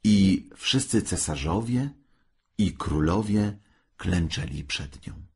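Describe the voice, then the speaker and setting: A man reading a fairy tale aloud with slow, expressive storytelling. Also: sits low, breathy edge.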